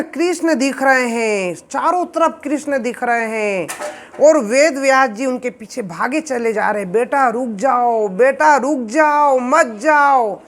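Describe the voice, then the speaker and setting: A man telling a devotional scripture story, slow, emotive and preachy. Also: extremely high pitch, fairly bright tone. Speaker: religious storyteller.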